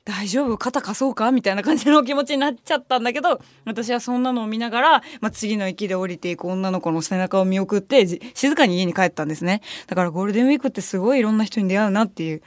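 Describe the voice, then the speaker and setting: A young woman hosting a radio show, telling a story in a casual, animated way, with laughter and playful retorts. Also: medium pitch, very fast, hardly any pauses, no room sound. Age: young adult. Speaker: radio host. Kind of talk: casual chat. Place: radio studio. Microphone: studio microphone.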